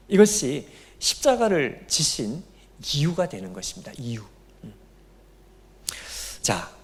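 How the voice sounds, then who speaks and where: A middle-aged pastor preaches to a youth gathering, speaking straight to his listeners. His voice sits fairly high for a man, and his pitch leaps up and down expressively. He keeps the delivery animated and engaging. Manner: animated, addresses congregation directly. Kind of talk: sermon at a youth retreat.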